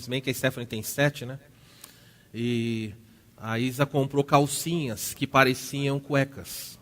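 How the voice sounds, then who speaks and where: A Brazilian man in his thirties preaches a sermon in church, his voice at a middling pitch. He acts out quoted family scenes, going loud and firm one moment and dropping soft the next. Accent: Brazilian Portuguese. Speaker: pastor.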